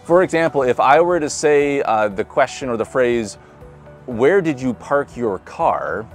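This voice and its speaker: With faint music in the background, a Nebraska pastor in his forties speaks in a medium-pitched, animated but unhurried voice with a Midwestern American accent. He gives a conversational online sermon to a close-range camera outdoors next to a brick building, chuckling and repeating words as he restarts.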